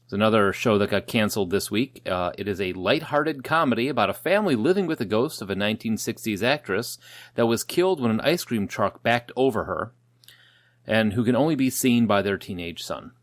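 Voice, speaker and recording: A man's voice: lowish voice, lively intonation, brisk, no room sound. A man co-hosting a podcast, reading out old news items with jokes and loose swearing. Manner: joking, swears casually, stumbles over words. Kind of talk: casual podcast banter.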